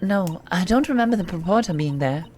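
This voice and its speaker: A man's voice: high voice, expressive, fairly quick, crowd noise. A man streaming a story game, chatting casually and jokingly, tripping over words as he reads lines aloud. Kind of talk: casual let's-play chat, reading game lines.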